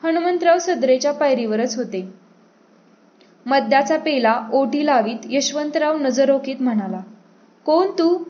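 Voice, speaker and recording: A woman narrating an audiobook in an expressive storytelling manner. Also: high-pitched, a little slow, lo-fi sound.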